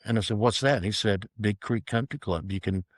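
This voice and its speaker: Middle-aged man, low voice, dry close sound, easygoing, dry humor. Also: fairly quick, no room sound. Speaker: real estate agent, guest. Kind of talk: casual interview storytelling.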